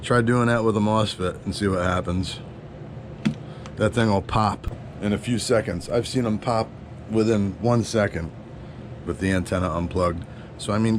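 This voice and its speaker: Slangy man demoing a CB radio, noisy background. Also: on the low side. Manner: slangy, upbeat, chatty. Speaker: CB radio builder. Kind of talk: casual demo narration.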